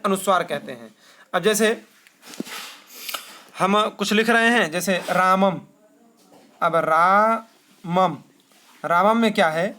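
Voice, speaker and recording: A man. He chants verses slowly and poses questions that he then answers himself. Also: sits high, a bit bright. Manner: asks rhetorical questions and answers them himself. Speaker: Sanskrit teacher. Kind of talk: classroom lesson.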